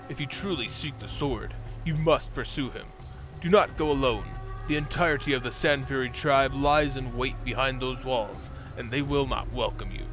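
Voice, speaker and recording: A man playing a weary male warrior quest-giver who speaks in a solemn, measured way. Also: mid-range voice, natural voice, poor audio.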